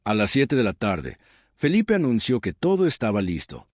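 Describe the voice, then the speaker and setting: Low, lively dramatic storyteller man. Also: moderate pace, no echo, clean studio sound. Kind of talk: scripted first-person narration.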